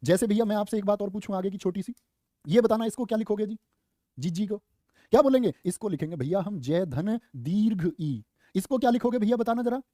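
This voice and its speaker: Young male grammar teacher, high mellow voice, dry close sound, playful quizzing delivery. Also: fairly quick, dry recording. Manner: lively, questions students and answers himself; playful asides and jokes. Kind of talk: exam-prep Hindi grammar lesson.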